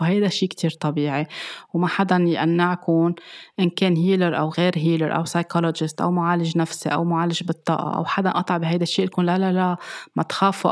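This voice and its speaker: A speaker with a Lebanese accent talks listeners through a self-help topic in a quick, steady stream. The delivery stays fairly flat and even, earnest in tone. English psychology terms slip into the Arabic throughout. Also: medium pitch.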